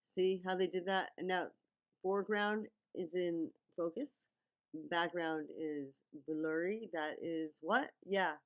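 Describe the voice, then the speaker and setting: A woman's voice: fairly low pitch, takes it slowly, clear, resonant tone, lo-fi sound. A woman giving casual, teacherly running commentary as she breaks down visuals, often checking in with the listener. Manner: teacherly, checks in with okay and right. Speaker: video commentator breaking down a music video.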